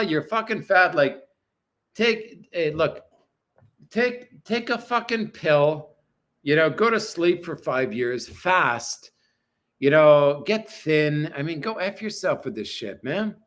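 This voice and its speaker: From his apartment, a man in his forties hosts a livestream, reading viewer comments and replying in a crude, profane, blunt manner. His voice is fairly high and fairly bright, and the chat is casual.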